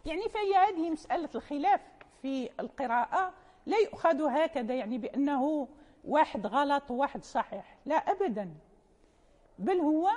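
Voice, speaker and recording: A woman's voice: high-pitched, darkish tone, big-room sound. A woman teaching Quran recitation in an informal classroom lecture, patiently explaining and quoting verses and poem lines in a chanting lilt.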